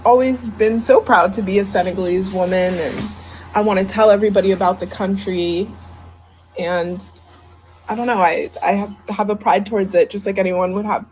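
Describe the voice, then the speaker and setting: A woman's voice: medium pitch, a little mellow, a little hiss or hum. Hesitant young woman telling a personal story. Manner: halting, hesitant, many ums and restarts. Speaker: social media video poster. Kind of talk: personal video confession.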